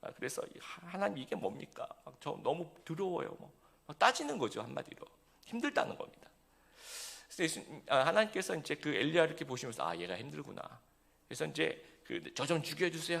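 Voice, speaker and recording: A man's voice: a little high, creaky, a bit bright. A man preaching a sermon as pastor, talking conversationally and checking in with the congregation through rhetorical questions.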